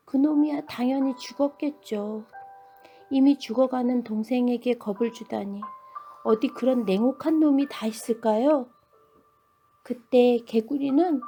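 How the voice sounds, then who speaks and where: A woman's voice: a little high, dark tone, lightly acted. A woman doing a mournful old dragonfly. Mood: indignant. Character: grieving elder male dragonfly storyteller. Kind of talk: bedtime storybook reading.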